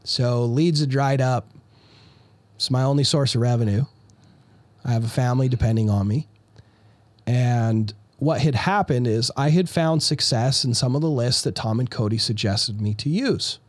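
A man's voice: medium pitch, moderate pace, no echo. A man telling his business story as a guest in a casual interview, talking energetically and often restarting his phrases. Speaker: real estate investor guest.

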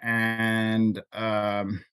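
An older man with a Queens New York accent, recalling things in an interview in a halting way, often pausing mid-sentence. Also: on the low side, completely flat delivery, a bit bright, clear, resonant tone, no echo. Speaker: interview guest, labor activist. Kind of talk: unscripted interview recollection.

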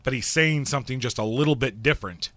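A man's voice: medium pitch, quick pace, a bit bright, no room sound. A man hosting a podcast, talking casually and reflectively with some self-deprecating humor. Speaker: podcast host.

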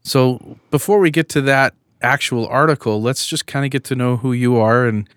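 Measured male podcast host. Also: medium pitch, a bit bright, clean tone, no room sound, clean studio sound. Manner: earnest, measured questioning with small restarts. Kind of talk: podcast interview, scripted intro then conversational questions.

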